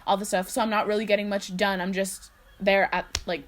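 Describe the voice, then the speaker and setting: A woman's voice: medium pitch, flat delivery, fairly quick. A teenage girl co-hosting a casual podcast, laid-back with short answers and casual swearing. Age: late teens. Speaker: podcast co-host. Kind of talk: casual chat.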